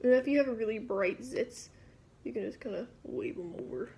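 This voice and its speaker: High-voiced woman chatting through a makeup tutorial. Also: big pitch swings, fairly quick, gravelly, mellow. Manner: informal, rambling, self-interrupting asides. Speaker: beauty vlogger.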